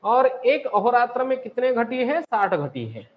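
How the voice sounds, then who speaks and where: A man's voice: very high-pitched, sing-song, unhurried, lo-fi sound. A man teaching a class, explaining step by step and asking and answering his own questions. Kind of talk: classroom lecture.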